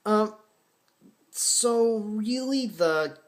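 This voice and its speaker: Male vlogger, slightly raised pitch, casual and stumbling delivery with fillers and swearing. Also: expressive. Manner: rambling, halting, frequent fillers and restarts, casual swearing. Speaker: horror film vlogger. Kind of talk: casual film review.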